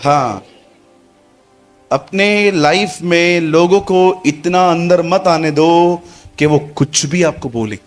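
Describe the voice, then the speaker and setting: A man's voice: on the high side, takes it slowly. Guy preaching to the church, acts out bits of dialogue, keeps asking the crowd stuff, bit of music under it. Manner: lively, acts out dialogue, addresses congregation. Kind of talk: sermon.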